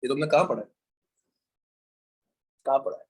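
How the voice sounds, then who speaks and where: Husky-voiced man lecturing casually. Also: medium pitch, normal speed. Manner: informal, teasing students, calls them bhai and beta. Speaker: economics lecturer. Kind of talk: classroom lecture.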